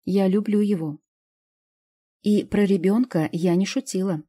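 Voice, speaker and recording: A woman voicing a stubborn, fiery young woman who shouts and insists in an audiobook. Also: mid-range voice, fairly even intonation, unhurried, lightly acted. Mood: softer, pleading. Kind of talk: audiobook character voice.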